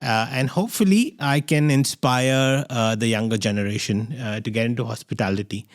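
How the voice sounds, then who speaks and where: Middle-aged man, podcast host, rambling delivery, dry sound, mid pitch. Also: normal speed, no room sound. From Goa, India. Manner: rambling, many restarts and fillers. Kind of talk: casual interview chat.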